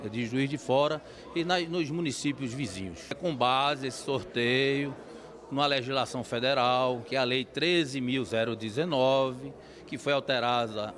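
Formal older Brazilian man, mid-pitched. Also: fairly bright tone. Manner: formal, legalistic. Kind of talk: formal interview statement. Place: indoor auditorium. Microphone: handheld press microphones.

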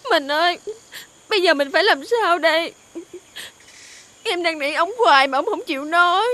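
An actress playing a devoted young wife, with a Southern Vietnamese accent and a pleading, emotional manner. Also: female voice, very high voice, normal speed, bright, forceful tone. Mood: anxious. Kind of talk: TV fairy-tale drama acting.

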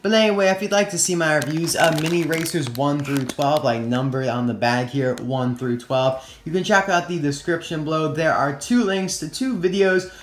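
A man's voice: fairly high pitch, normal speed, hardly any pauses. A young American man chatting to viewers in a casual toy review, his speech slightly distorted after having his wisdom teeth out. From United States. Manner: chatty, addresses viewers as guys. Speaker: toy collector and review host. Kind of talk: casual scripted-free product review to camera. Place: indoor room at a tabletop. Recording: roomy echo, faint hiss and crinkling. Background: crinkling plastic packaging, clicks.

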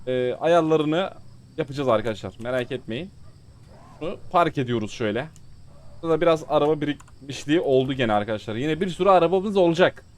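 Chatty man doing game commentary. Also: fairly high pitch. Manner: exasperated, chatty, talks to viewers. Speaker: gaming YouTuber. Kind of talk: let's play commentary.

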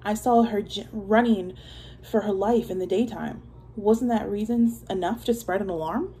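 A woman's voice: medium pitch, moderate pace, warm tone, slight background noise, close to an everyday voice. A woman voicing a big male crow who eagerly blames another in a read-aloud folktale. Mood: tattling.

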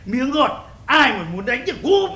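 An actor playing a crude, mocking middle-aged neighbor. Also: male voice, extremely high pitch, sharp tone, exaggerated voice. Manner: teasing, drawling. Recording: echoey room, music behind.

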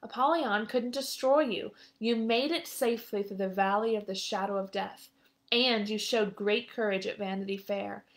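A woman's voice: medium pitch, normal speed, close to an everyday voice. A woman voicing a male pilgrim who earnestly encourages his suffering friend to hold on.

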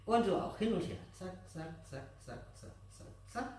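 A middle-aged aikido instructor with a high, expressive, darkish voice speaks at normal speed, patiently guiding a child and viewers through exercises step by step in simple, repeated phrases. He's in a large indoor dojo with mats, picked up by a distant camera mic in an echoey hall with slight background noise.

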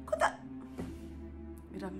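A young woman with a Malaysian Malay accent giving animated, indignant reaction commentary on viral videos, recorded on a phone. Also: slow, over music.

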